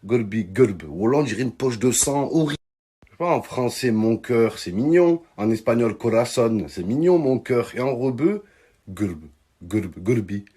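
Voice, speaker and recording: Husky young dude doing a jokey phone monologue, slangy and casual, middle pitch. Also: male voice, lively intonation, normal speed, dark tone. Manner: joking, slangy street French. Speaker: comedian vlogger.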